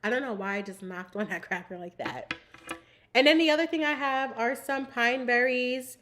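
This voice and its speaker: A woman's voice: on the high side, normal speed, fairly bright tone, soft background music. A bubbly young woman hosting a live stream, chatting casually with her viewers, giggling often, saying "like" a lot, and talking while she snacks. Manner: bubbly and giggly, fills speech with "like". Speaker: livestream host.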